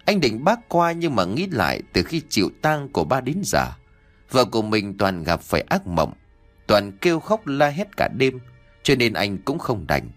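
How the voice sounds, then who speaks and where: A man narrating a ghost story in an expressive storytelling manner. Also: mid-range voice. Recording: faint background music.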